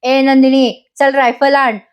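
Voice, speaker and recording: A woman's voice: high-pitched, level tone, takes it slowly. A woman voicing an angry, stern older father-in-law who scolds and threatens. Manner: shouting, stern.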